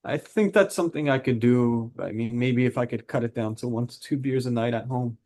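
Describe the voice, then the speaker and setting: A defensive husband in couples counselling, acted by a man in a role-play. His voice sits at an ordinary male pitch. He is plain and matter-of-fact about his troubles. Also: brisk, dark tone, close to an everyday voice. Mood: subdued, reflective. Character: frustrated, defensive husband who drinks, admits anger issues.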